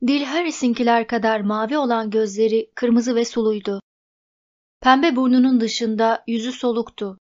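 A woman reading a novel aloud as audiobook narrator, in an even, measured way. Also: on the high side. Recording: dull lo-fi recording.

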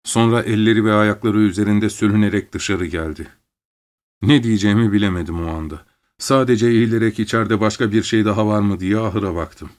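A man with a fairly low voice reads a literary story aloud in the first person. His telling is measured and steady, in the manner of an audiobook narrator.

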